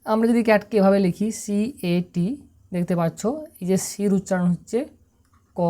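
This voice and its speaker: A woman's voice: medium pitch, warm tone. A woman teaching English pronunciation to students, explaining patiently and step by step, often asking if they can see.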